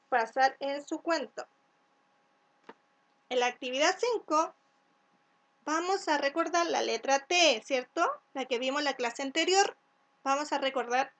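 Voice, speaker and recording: Slow, high-voiced woman teacher. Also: fairly bright tone. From Chile. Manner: slow, clear, sounds out letters and syllables; asks "¿cierto?" to check along. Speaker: first-grade teacher. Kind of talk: recorded remote class instructions.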